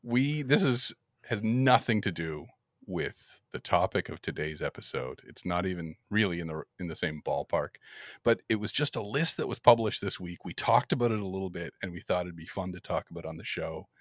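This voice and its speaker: Man, podcast host, casual chat, laughs a lot, lively swooping intonation, dry close mic. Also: deep voice, normal speed, dry recording. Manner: laughs often, animated.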